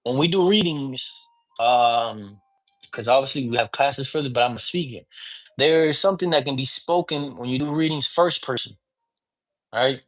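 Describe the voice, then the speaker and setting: In a rough recording, a priest who teaches divination walks through spiritual practice in loose, conversational style at a moderate pace. His voice sits in the ordinary middle range, and he peppers his English with Spanish words while asking "you get me?" again and again.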